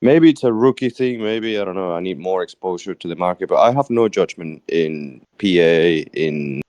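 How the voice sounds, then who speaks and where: Deep-voiced British man, reflective. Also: normal speed, a little mellow, dry recording, dull audio. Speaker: fellow trader on stream. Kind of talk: casual stream chat.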